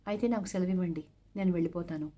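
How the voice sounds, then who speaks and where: A woman's voice: lowish voice, quick pace, dark tone, distant mic, lightly acted. A woman reading the part of a grave older male estate manager in a storybook reading, solemn in manner.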